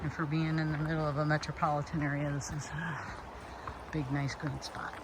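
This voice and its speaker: A man's voice: fairly high pitch, flat delivery, brisk, very noisy. Out-of-breath man hiking a trail. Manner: breathing heavy while walking uphill. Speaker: hiker vlogger. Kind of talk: casual narration while hiking. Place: outdoors on a forest trail.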